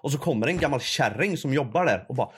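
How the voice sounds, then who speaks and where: A man's voice: medium pitch, breathy edge. Swearing young man telling a story. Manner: animated storytelling, swearing, acting out a shouting clerk. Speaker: podcast co-host. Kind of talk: casual podcast chat.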